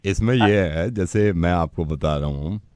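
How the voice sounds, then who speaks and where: A man hosting a radio prank call, posing as a doctor and talking to the caller in a calm, patronizing way. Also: low voice, unhurried. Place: radio studio.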